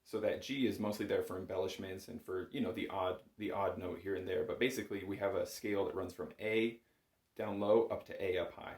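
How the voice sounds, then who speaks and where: A bagpipe instructor gives a conversational lesson in a small home music room, where the recording picks up a roomy echo. His low voice is steady, darkish and fairly quick, and he explains things step by step with patience and encouragement.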